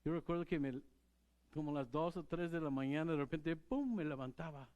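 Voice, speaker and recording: A man's voice: a little high, moderate pace, a little mellow, lo-fi sound. Conversational male pastor. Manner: conversational, asks the congregation questions, chuckles. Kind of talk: sermon. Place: church.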